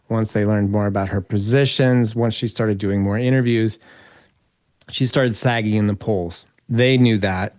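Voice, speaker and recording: A man's voice: fairly low pitch, a little mellow, smooth, no echo, clean studio sound. A man speaking as an interview guest, giving conversational political analysis.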